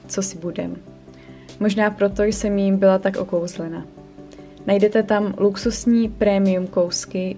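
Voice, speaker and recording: A woman's voice: mid-range voice, dark tone. A young woman, a vlogger and shop owner, giving an upbeat, chatty scripted voice-over review. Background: faint background music.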